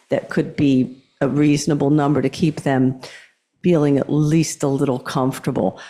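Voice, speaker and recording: A woman's voice: rumbling low, dark tone. A woman giving tentative public comment at a meeting, thinking aloud as she goes. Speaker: community member at town meeting. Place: indoor public meeting room.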